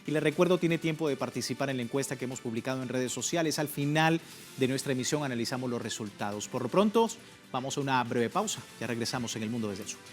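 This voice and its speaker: A man's voice: mid-range voice, lively intonation, fast talker. A man presenting a news and interview programme as its host. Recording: music playing behind the voice. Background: music.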